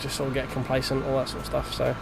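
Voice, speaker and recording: Game music and engine sounds play as a man gives live commentary on a racing game, talking casually to himself and his chat as he drives. He sounds nasally blocked and congested, speaking quickly in a medium-pitched, monotone, gravelly voice.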